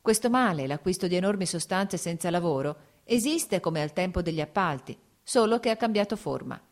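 An earnest, brooding landowner arguing his case in a storybook reading, as a woman reads him in her own slightly low voice. He presses his point steadily, without theatrics. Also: animated, brisk. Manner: earnest, argumentative.

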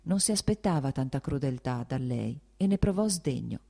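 A woman narrating a novel as an audiobook with calm, steady reading. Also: a bass voice, moderate pace, vocal fry.

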